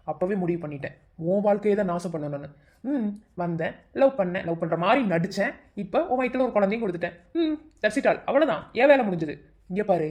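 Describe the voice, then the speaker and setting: Lightly acted in a warm, medium-pitched voice, a woman plays the cartoon love story's young male villain, a schemer who is cruel and mocking. She delivers his lines quickly, with a sneer and a taunting edge.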